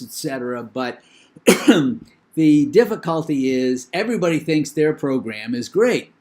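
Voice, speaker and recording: This recorded lecture comes from an older New England man whose voice is a little high with a darkish tone. His delivery is measured and opinionated, broken up by thinking pauses and filler words.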